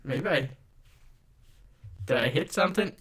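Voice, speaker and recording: A man's voice: mid-range voice, animated, a little slow, a bit bright. A man hosting a casual live stream on a USB desk microphone, greeting viewers by name and talking in a loose, rambling way.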